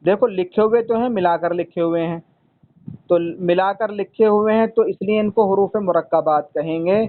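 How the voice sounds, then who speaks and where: A man patiently teaches a student to read Arabic letters one on one, repeating points and often calling the student son. His voice is high-pitched at normal speed, and the phone-quality audio has a little hiss or hum.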